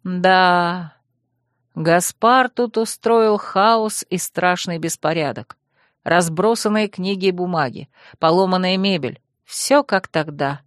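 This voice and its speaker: Woman, audiobook narrator, first-person narration, even storytelling, dry close sound. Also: on the low side, slow pace, no echo.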